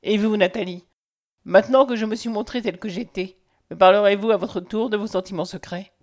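A woman's voice: mid-range voice, steady tone, a little fast, darkish tone, lightly acted. A woman playing a passionate, domineering man in a storybook reading, close to the reader's own voice. He speaks with urgent, commanding ardour, pressing every question. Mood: ardent. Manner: impassioned, commanding. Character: ardent, domineering man declaring his love.

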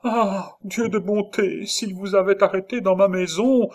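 Shrill frightened peasant nurse voiced by a man. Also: lively intonation, a little slow. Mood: alarmed. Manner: shrill exclaiming falsetto. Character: frightened peasant nurse woman, superstitious, excitable. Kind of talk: audiobook reading.

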